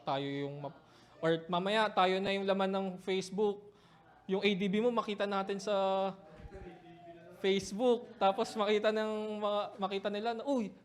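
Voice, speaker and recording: A man, a pastor telling a personal story in a sermon, moving between hushed reflection and loud, laughing retelling. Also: high-pitched.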